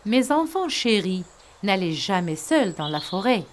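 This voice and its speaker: A woman's voice: medium pitch, very animated, a little slow, a little hiss or hum. A woman playing a protective, worried mother in a storybook, stern and anxious in tone. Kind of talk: storybook voice acting.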